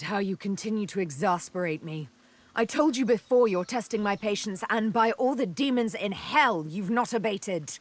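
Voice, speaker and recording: Proud, menacing adventurer woman. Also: on the low side. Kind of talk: video game voice acting.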